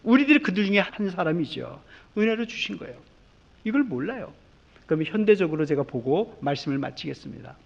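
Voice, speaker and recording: A pastor preaching a sermon, swinging between hushed and loud and acting out the voices of the people he quotes. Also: high voice, sing-song, brisk, gravelly, lo-fi sound.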